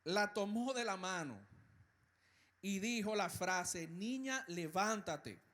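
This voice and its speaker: A male pastor with a Dominican Spanish accent and a high voice preaches a sermon. He speaks slowly and emphatically, using dramatic pauses and hushed, gentle passages.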